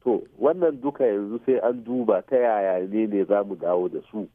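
Fairly low and a bit quick, the speaker is a Nigerian man with a Hausa accent appearing as an expert on the radio, using English technical terms and short tag questions to make sure he's understood. No room sound comes through the muffled, phone-like audio.

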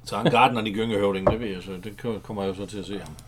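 A man's voice: lowish voice, fairly even intonation, background noise. A middle-aged Danish man in casual chat, telling army stories and swearing offhandedly. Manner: chatty storyteller, swears casually. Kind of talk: casual chat about an old film and army days.

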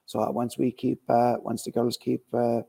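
A man's voice: mid-range voice, flat delivery, moderate pace, creaky, dark tone. A man with a west of Ireland Kerry accent, giving a casual sports interview as a team manager, conversational and peppered with "you know" and "look". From County Kerry, Ireland.

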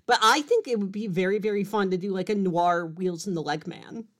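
A woman's voice: medium pitch, a little fast. A woman with an upstate New York accent who drops off word endings, chatting casually as a podcast co-host. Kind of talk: casual chat.

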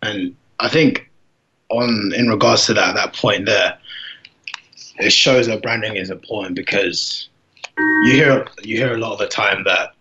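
A man's voice: lowish voice, unhurried, dull audio, background noise. A young man chatting casually, hesitant and repeating words as he makes his point. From London, United Kingdom. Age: young adult. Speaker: intern, co-host. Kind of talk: casual chat.

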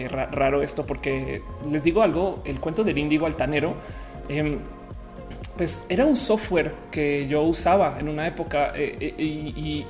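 A woman hosting a casual livestream in a rambling, playful way, her diction slowed as she recovers from having her wisdom teeth out. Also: low voice, darkish tone. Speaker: livestream show host. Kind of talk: casual livestream chat to viewers.

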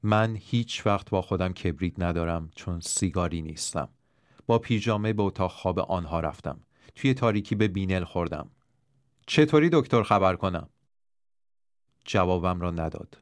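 A man reading a first-person story aloud in a measured, steady narration. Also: deep voice, clear, resonant tone, no room sound, clean studio sound. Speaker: audiobook narrator.

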